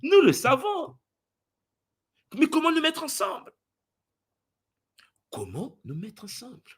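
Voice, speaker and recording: A man addressing spiritual followers, jumping between booming exclamations and low asides, often acting out other people's voices. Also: wildly swooping pitch, slow, fairly bright tone. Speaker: spiritual teacher.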